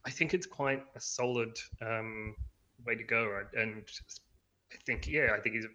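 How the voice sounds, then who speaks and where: A man's voice: mid-range voice, measured pace, bright, forceful tone. A man co-hosting a casual review podcast, hedging and restarting often with lots of fillers. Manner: hesitant, many fillers and restarts, self-deprecating. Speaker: podcast co-host.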